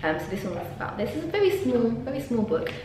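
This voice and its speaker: This PhD student vlogger from London speaks a little high and fast, chatting to camera in a lively way with plenty of ums and laughter. Her casual vlog is shot in a university office lab, the camera sitting on the desk before she picks it up for selfie shots. Heavy echo fills the room and a faint hum lingers.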